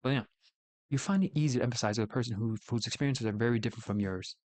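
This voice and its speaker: A man with a mid-pitched voice talks through his opinions as a casual streamer. He rambles, doubles back and corrects himself as he thinks aloud. The sound is close and dry. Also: very fast, darkish tone, no echo. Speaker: VTuber streamer.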